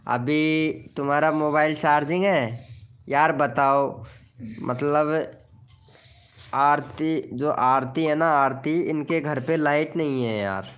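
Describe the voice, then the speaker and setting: A man's voice: on the high side, slow, a bit bright, clear, resonant tone. A young man hosting a casual live stream from home, greeting viewers by name and reading out their chat messages.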